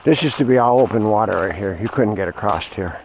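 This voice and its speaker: A man's voice: lowish voice, brisk. A man giving casual outdoor vlog commentary on a winter run, thinking aloud in short, broken phrases. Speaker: vlogger. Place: outdoors on a winter lake shoreline. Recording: clearly noisy raw outdoor recording.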